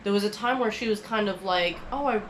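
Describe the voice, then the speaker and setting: A woman's voice: mid-range voice, fairly quick, background noise. A young adult woman chatting to camera at home in a rambling, casual way, full of filler words. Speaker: vlogger.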